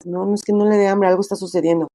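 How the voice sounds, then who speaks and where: Chatty mellow-voiced woman in interview. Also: medium pitch, steady tone, very fast, dry recording. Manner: chatty, many fillers, acts out quoted dialogue. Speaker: author and interview guest. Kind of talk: casual conversational interview.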